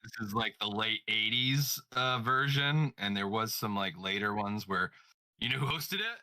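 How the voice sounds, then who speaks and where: A man's voice: lowish voice, moderate pace, sharp tone, no echo. A man co-hosting a podcast in a rambling, playful casual chat, full of filler words. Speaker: podcast co-host.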